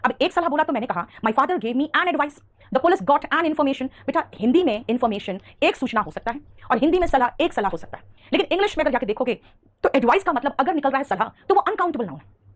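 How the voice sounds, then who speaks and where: A woman's voice: sits high, expressive. A woman with an Indian accent teaching an English grammar class, addressing her students affectionately and correcting them as she goes. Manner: fast, scolding-affectionate, calls students "beta".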